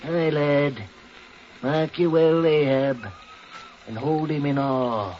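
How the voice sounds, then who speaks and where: Old whaling captain, gruff, high-pitched, archaic seafaring speech, audio drama, lo-fi noisy recording. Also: male voice, fairly even intonation, takes it slowly. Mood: grave, warning. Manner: archaic sailor speech, thee and thou, emphatic. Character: gruff old Quaker whaling ship owner, grimly warning.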